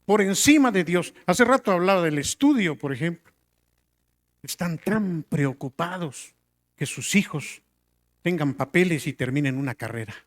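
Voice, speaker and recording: A middle-aged man preaching a sermon to a congregation, asking rhetorical questions and swinging between loud emphatic lines and quiet drops. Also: fairly high pitch, expressive, normal speed.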